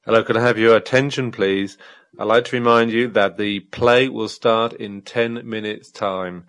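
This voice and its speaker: Brief: male, low voice, formal PA-style reader, dry close sound. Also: steady tone, a bit bright, dry recording. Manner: measured, formal announcer delivery with slight hesitations. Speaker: announcer in a listening exercise. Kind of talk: scripted public announcements.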